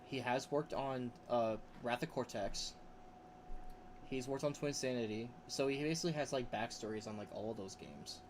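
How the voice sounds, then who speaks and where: A male streamer chats casually on a livestream, reading chat aloud and rambling with restarts, often laughing between thoughts; he says his voice range is pretty high. He talks at a normal speed with slight background noise.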